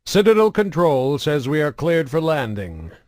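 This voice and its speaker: A man's voice: on the high side, moderate pace, no echo, studio quality, pitched above the performer's own voice, lightly acted. A man voicing a male starship helmsman who reports over the intercom in a clipped, matter-of-fact way. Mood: businesslike.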